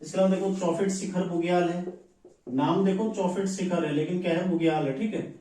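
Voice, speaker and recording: High-voiced man lecturing in echoey room. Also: fairly even intonation, fairly quick, mellow. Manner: repeats terms, says "ठीक है" and "ध्यान रखिएगा" often. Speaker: exam coaching teacher. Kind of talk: classroom lecture. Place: classroom. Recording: echoey room, far from the mic.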